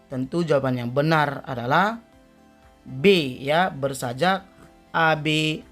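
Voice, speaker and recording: A tutor works through an exam-practice quiz at an unhurried, slow pace, reading every answer option deliberately and then explaining the right one. The voice sits at a middle pitch, with faint music playing underneath. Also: fairly bright tone. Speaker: teacher.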